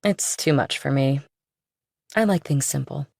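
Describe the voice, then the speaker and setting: In a dry, clean studio recording, a woman with a very deep, gravelly, slightly mellow voice speaks at a measured pace in an exaggerated style. She plays an audiobook character, the young, worldly girlfriend of a rich older man, sounding guarded and pointed. Her tone is breezy, casual and direct.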